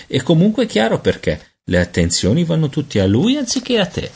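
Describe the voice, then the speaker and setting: A prim older sister who talks down with calm certainty, as a man narrating puts her on. The voice is raised and lilting, with a slight huskiness. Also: fairly high pitch, brisk, gravelly, slightly rough, voice pushed up, exaggerated voice. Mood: know-it-all. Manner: superior, lecturing. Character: girl, know-it-all big sister, calm.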